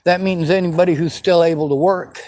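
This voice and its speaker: A man's voice: fairly high pitch, fairly even intonation, fairly quick, darkish tone, rough recording. Bitter, swearing man in his forties. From western United States. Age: 40s. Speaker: vlogger answering viewer questions. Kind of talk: angry unscripted monologue.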